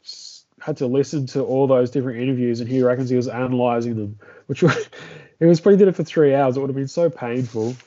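A man's voice: medium pitch, fairly even intonation, fast talker, dark tone. Man chatting on a podcast, dull sound. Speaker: podcast co-host. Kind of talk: casual chat.

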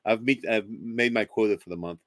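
Man, excitable, stammering, repeats himself, casual radio chat, dry close sound. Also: lowish voice, a little fast, no echo. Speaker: co-host.

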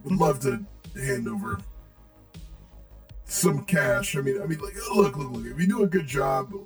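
A man taking part in a tabletop game, speaking in a gravelly voice set a bit higher than most men's. He rambles and hedges casually, often trailing off between thoughts. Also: animated, a little slow, faint music behind. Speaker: player. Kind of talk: in-character tabletop play.

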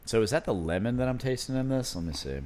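A man's voice: mid-range voice, quick pace. A man hosting a casual podcast, chatting loosely while tasting beers, with lots of "you know" and "like". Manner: relaxed, rambling, with many fillers like "you know". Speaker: podcast host.

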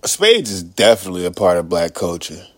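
A man co-hosting a casual podcast, telling stories in an animated, laughing way and swearing freely. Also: low-pitched, fairly quick. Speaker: podcast co-host. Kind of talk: casual chat.

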